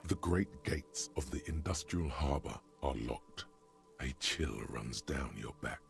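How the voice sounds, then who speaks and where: A man voicing a brooding game narrator who speaks in measured, grim second person. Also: expressive, exaggerated voice. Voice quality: deep, gravelly. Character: brooding gravelly adult male game narrator. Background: game music.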